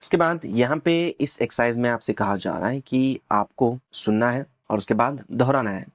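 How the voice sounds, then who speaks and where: A man's voice: mid-range voice, dry recording, studio quality. Man teaching, patient drilling of words. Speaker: Arabic teacher. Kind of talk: explaining an Arabic lesson.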